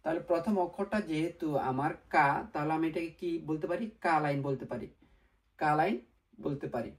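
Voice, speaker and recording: A man's voice: a little high, brisk. A man teaching a beginner lesson step by step, patiently repeating each sound and asking rhetorical questions, with English words slipped into his speech. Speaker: language teacher.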